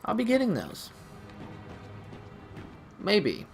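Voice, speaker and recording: A man commentates a video game casually and playfully. His slightly high voice swings widely in pitch as he rambles at a leisurely pace, with faint music behind him. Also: wildly swooping pitch, drawn-out words, creaky. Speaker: let's-play gamer.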